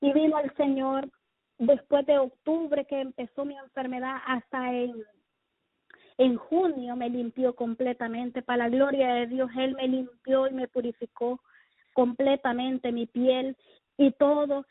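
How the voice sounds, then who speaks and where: A woman's voice: high voice, little pitch movement, a little slow, dry recording. A woman telling a personal religious testimony in a fervent, emotional way, circling back and repeating herself as she speaks. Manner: fervent, repetitive, emotional storytelling. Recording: tinny phone-like dry sound.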